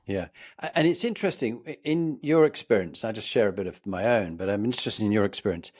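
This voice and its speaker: A man's voice: lowish voice, lively intonation, a little mellow, no echo. Formal male podcast host, dry sound. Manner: formal, measured, leading questions. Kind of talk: podcast interview.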